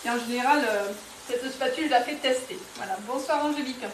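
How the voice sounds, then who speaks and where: A woman's voice: high voice, quick pace, a little hiss or hum. Chatty southwestern French woman, roomy kitchen. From southwest France, near Toulouse. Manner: chatty, enthusiastic, many fillers and restarts. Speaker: home cooking demonstrator on a live stream. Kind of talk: live cooking demo with viewer greetings. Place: home kitchen. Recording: roomy, a bit distant from the mic.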